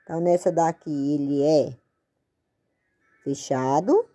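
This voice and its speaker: Brief: Brazilian woman teacher, slow unhurried delivery, mellow low voice, patient board lesson. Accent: Brazilian Portuguese. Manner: patient, spells and stretches words.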